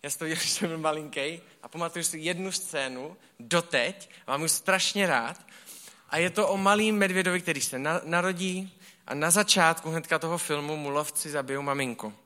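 A man preaching a sermon, telling stories in a casual, colloquial and animated way. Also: on the high side.

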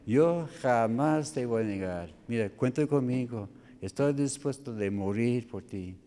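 Preacher doing an impulsive disciple, earnest, protesting no no no, kinda pitched up. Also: male voice, unhurried, dark tone, in a large hall, close to an everyday voice. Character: Peter, an impulsive man insisting on his loyalty.

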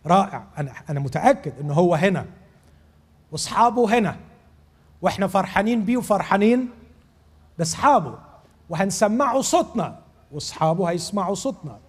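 A man's voice: high-pitched, animated, quick pace, pauses often, breathy edge. A man preaching a fervent sermon in Egyptian Arabic, pleading with his audience and leading them into prayer. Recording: long reverb of a large hall.

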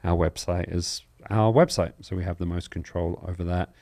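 A man with a fairly deep, steady, dark voice hosts a live call-in Bible question show at normal speed. He's informal and welcoming, chatting his way through announcements and explanations in a broadcast style.

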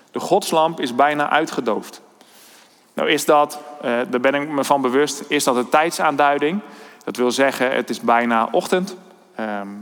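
A man delivering a sermon in a church hall, his mid-pitched voice carrying a long reverb tail. He speaks thoughtfully, hesitating on fillers and restarting his sentences as he works through his points. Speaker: preacher.

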